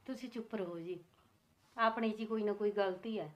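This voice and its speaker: A woman's voice: medium pitch, brisk, dull audio, close to an everyday voice. A woman playing a scheming daughter-in-law who sweet-talks her husband's family. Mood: placating. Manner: placating, sweet-talking.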